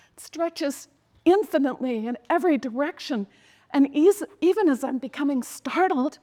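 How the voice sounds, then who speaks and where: A woman telling a dramatic personal story in a slow, intense way, sometimes sinking to a whisper. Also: sits high, darkish tone, long reverb tail. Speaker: speaker.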